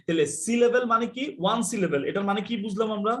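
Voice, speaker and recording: A man teaching a live online English class, explaining quickly and telling students to mute their mics. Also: sits high, a little hiss or hum. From Bangladesh.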